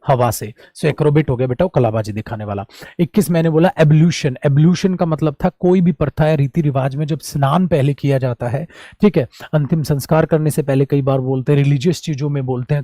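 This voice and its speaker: A man runs a quick vocabulary revision lesson, addressing his students as "my child" and "my brother." His voice is on the high side with a dark tone, recorded at studio quality with no echo.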